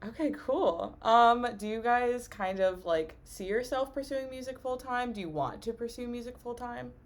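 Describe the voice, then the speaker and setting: A woman's voice: fairly high pitch, moderate pace. A woman hosting a casual interview podcast, asking questions and giving frequent short acknowledgements. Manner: friendly, lots of listening sounds and short okays. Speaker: podcast host interviewing a band.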